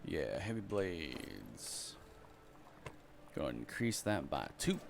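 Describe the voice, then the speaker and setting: A man's voice: a bass voice, big pitch swings, takes it slowly, vocal fry, noisy background. A man hosting a casual let's play, reading item descriptions aloud and muttering asides as he shops. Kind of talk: casual gameplay commentary.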